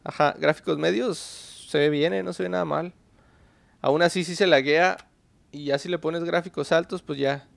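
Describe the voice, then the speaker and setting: Gravelly man narrating gameplay. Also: fairly high pitch, fairly even intonation, moderate pace, no echo. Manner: chatty, talks to himself and the viewer while playing. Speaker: gaming channel host. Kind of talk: casual gameplay commentary.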